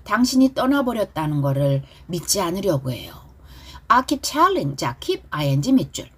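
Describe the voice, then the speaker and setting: A middle-aged woman teaching pop song lyrics and English pronunciation, stretching out each lyric line slowly between quicker explanations. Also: on the low side, sing-song, husky. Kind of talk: pronunciation lesson with lyric drills.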